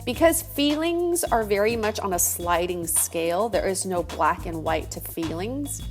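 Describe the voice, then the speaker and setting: A woman's voice: medium pitch, animated, a little slow, faint music behind. A woman hosting an advice video, speaking straight to the viewer in a confident, slick, emphatic way. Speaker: dating advice video host. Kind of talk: scripted direct-to-viewer advice.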